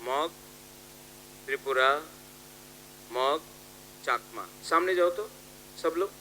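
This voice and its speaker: A man's voice: fairly high pitch, slow pace, sharp tone, a little hiss or hum. A man giving a rousing political rally speech, calling out and repeating his appeals to the crowd.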